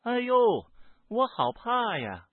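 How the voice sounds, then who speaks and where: A sly young demon sorceress purrs in a high, husky falsetto that swoops coyly up and down, as a man reading the story puts her on. The sound is dry and tinny, like a phone line, and she mocks with sugary sweetness. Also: wildly swooping pitch, normal speed, no echo, exaggerated voice. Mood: teasing, coy.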